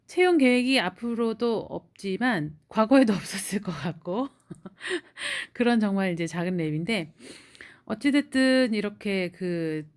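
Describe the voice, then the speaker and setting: Korean woman in her 40s, casual vlog storytelling, mid pitch, chatty and encouraging, lots of fillers. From South Korea. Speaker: immigrant sharing a job-hunt story.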